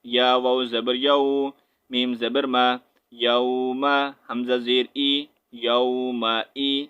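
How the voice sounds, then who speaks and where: A man with a Pakistani Urdu accent teaching Quran recitation, spelling out letters and vowel marks, then reciting slowly and drawn out, with quick low explanations. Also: smooth, dull audio. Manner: explains quickly in a low aside, often asking "right?".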